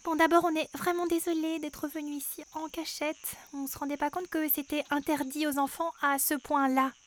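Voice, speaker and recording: A woman's voice: high-pitched, little pitch movement, moderate pace, voice pushed up, close to an everyday voice. A woman voicing a shy, clever little girl who talks in a hesitant, pleading way.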